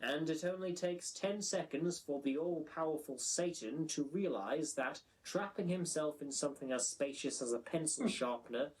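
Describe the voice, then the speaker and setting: A man's voice: a little high, moderate pace, hardly any pauses, a little mellow, low-quality recording. A man delivering scripted comedic review narration in a wry, sarcastic, wordy manner. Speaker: video essay narrator.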